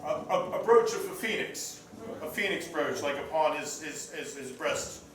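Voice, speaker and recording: A man's voice: a little high, expressive, normal speed, background noise. Echoey, distant man running a tabletop game. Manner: hesitant, piecemeal descriptions with many hedging words. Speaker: game master. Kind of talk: narrating a tabletop game, improvised and conversational. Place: roomy indoor game gathering. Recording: echoey room, distant mic, background sound.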